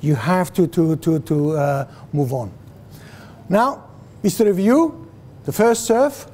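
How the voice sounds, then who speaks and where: Speaking slowly in a mellow, slightly high voice with lively intonation, a man in his sixties with a Swiss accent addresses students as a guest lecturer. He gestures, quizzes the audience, and often restarts or uses fillers. The indoor classroom has a screen, and he's picked up by a distant camera with no mic seen.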